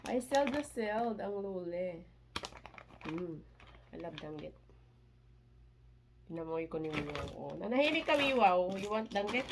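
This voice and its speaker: A woman unboxing a parcel in a casual vlog, chatty and excitable, with little squeals of delight and mixed English phrases. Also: medium pitch, background noise. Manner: excitable, squeals and laughs between items; mixes Tagalog and English, chatty. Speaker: vlogger.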